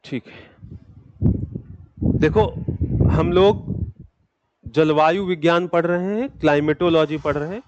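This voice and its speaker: A man's voice: a little high, measured pace, pauses often, darkish tone, highs cut off, a little hiss or hum. A man teaching a geography class, speaking patiently and in a fatherly way to students who have just joined. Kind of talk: classroom lecture.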